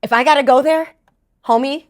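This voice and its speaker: A young woman with a slightly high voice gives casual reaction commentary. She is blunt and sarcastic, peppering her talk with slang. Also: brisk. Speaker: commentary host.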